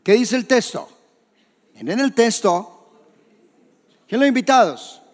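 A man preaching a sermon as pastor in a church, questioning the congregation and shouting quoted scripture. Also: very high-pitched, lively intonation, measured pace, big-room sound. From Colombia. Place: church hall.

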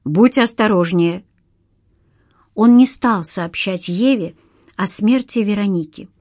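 A woman's voice: medium pitch, unhurried, darkish tone, no echo. Woman narrating an audiobook, dry and close.

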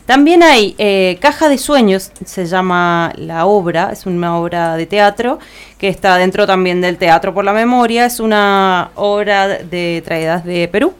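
A woman's voice: medium pitch, a little slow, clean tone. A woman with an Argentine Spanish accent, co-hosting community radio and reading out the week's events agenda, with frequent "eh" fillers and self-corrections. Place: radio studio.

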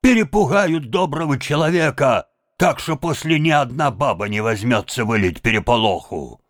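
During a storybook reading, a man voices frightened village constables who plead and make excuses, his mood agitated. His natural medium pitch is raised for the lightly acted characters, delivered at normal speed with lively intonation in a clean, dry studio recording.

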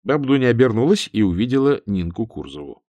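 A man narrating a humorous novel as an audiobook reader, with a wry, expressive storytelling manner. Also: mid-range voice, fast talker, no room sound, highs cut off.

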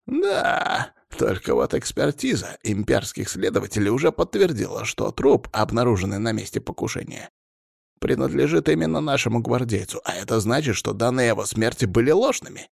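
A man voicing a furious, domineering old male clan head who yells and scolds down the phone. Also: medium pitch, very animated, moderate pace, gravelly, dry recording, clean studio sound, heavily acted. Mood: furious scolding.

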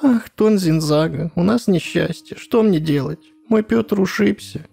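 A man reading aloud puts on a pale, trembling young wife, voice lifted high and anxious, begging for help. The mellow tone stays, with faint guitar underneath. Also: fairly quick. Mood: anxious pleading. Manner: anxious, pleading.

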